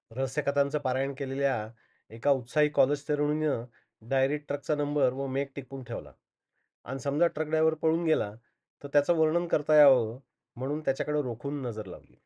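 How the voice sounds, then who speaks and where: A man reading a short story aloud in a steady, measured way, in a slightly dull recording. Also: mid-range voice.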